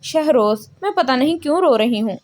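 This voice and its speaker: A woman's voice: high-pitched, lively intonation, darkish tone. A woman voicing a tearful, lonely young woman in a storybook reading, weepy and plaintive.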